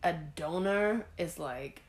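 A young woman from Germany co-hosts a casual food vlog. Her voice sits a little low, and she talks in a chatty way and laughs often. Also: slow pace. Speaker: co-host.

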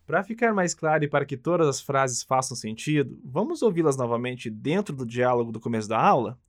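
Fairly quick and expressive, with a mid-range voice, a teacher carrying a Brazilian Portuguese accent leads an upbeat English lesson. He walks the listener through phrases to say again and again in a friendly way.

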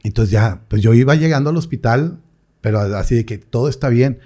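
A man's voice: medium pitch, a little fast, warm tone. A priest telling a personal story in an interview, with strong feeling and his voice sometimes rising. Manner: talks with feeling, voice rising and breaking at moments, quoting others.

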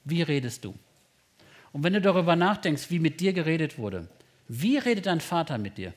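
A man preaching a lively sermon, putting direct questions to his listeners and acting out short quoted exchanges. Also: fairly high pitch, a little fast. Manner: frequent tag questions, acts out little quoted exchanges. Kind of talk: lively sermon to young people.

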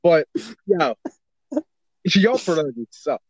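A man co-hosting a laid-back podcast, voice sitting a little high for a man, chatting in loose slang and lively banter. The sound is dry and slightly muffled, with a dull, lo-fi edge. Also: takes it slowly, no echo. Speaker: podcast co-host. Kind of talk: casual chat.

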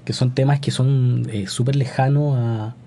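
Chilean man, podcast guest, very mellow dark voice, restarts often, casual chat. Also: medium pitch, fairly even intonation, unhurried, a little hiss or hum. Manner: thoughtful, many restarts and tag questions. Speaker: guest scientist.

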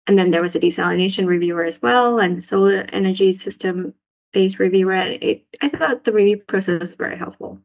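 A young woman from Sri Lanka, a postdoctoral researcher, talks through her work in a halting, casual way, often restarting her sentences. Her voice sits at an ordinary middle pitch. The recording sounds slightly dull and muffled. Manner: hesitant, many restarts and fillers. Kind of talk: casual interview answers. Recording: muffled low-fidelity audio.

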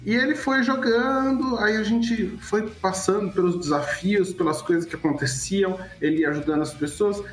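A man with a Brazilian Portuguese accent telling casual game anecdotes in an animated way, acting out bits of dialogue. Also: high-pitched, moderate pace, few pauses. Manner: animated storytelling with quoted dialogue. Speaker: teacher who runs tabletop games. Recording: roomy sound with faint music.

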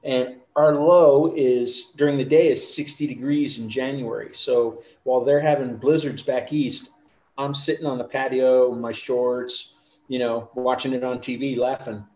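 A middle-aged American man chats easily as a podcast guest, telling stories in a casual, easygoing manner. His medium-pitched voice is steady and darkish, a little slow, with a roomy sound.

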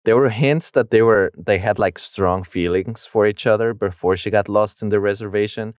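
A young man co-hosts a podcast about a book, retelling the plot with slang and easy laughs. His voice sits low and comes across smooth and clear. The sound is dry and close, with no room around it. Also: steady tone, normal speed, no echo. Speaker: podcast co-host. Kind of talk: casual book discussion.

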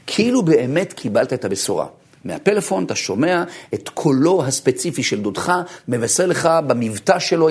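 A rabbi gives a lecture that is full of anecdotes. His voice is gravelly and husky and sits a touch high for a man. He tells his stories with wide swings of pitch, dropping to murmurs and then jumping up. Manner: expressive storyteller, swings from low murmurs to high bursts; laughs while telling stories. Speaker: rabbi giving a course lecture. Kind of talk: animated lecture with storytelling.

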